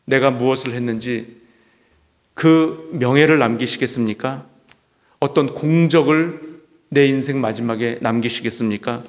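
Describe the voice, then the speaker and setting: A man's voice: mid-range voice, moderate pace. A male pastor preaching a sermon, repeating key phrases and asking the congregation rhetorical questions. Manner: asks the congregation rhetorical questions, emphatic repetition. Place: church sanctuary. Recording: long hall reverb.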